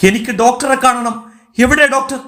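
A man voicing a distraught young wife and mother who pleads in a high, strained voice as she begs for answers. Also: little pitch movement, moderate pace, natural voice. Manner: pleading and shrill with panic.

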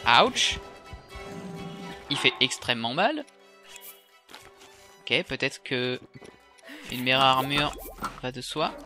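A man's voice: medium pitch, expressive, takes it slowly, long pauses. A man with a French accent casually commenting on his video game as he plays, reacting aloud and talking to the enemies. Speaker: video game let's player. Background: game music.

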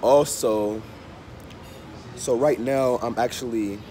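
Stuffy-nosed man vlogging over clear background noise. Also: mid-range voice, dark tone. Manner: unhurried, halting, often repeating phrases. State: under the weather with a cold. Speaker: travel and language vlogger. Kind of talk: casual chat to camera. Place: open-fronted hostel bar or cafe. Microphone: phone held at arm's length. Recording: noisy open-air cafe with traffic. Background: street and vehicle ambience.

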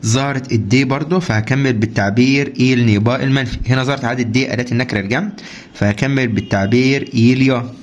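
A man with an Egyptian Arabic accent teaching a French lesson, drilling through homework answers and quizzing the class with quick rhetorical questions. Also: medium pitch, steady tone, dull audio.

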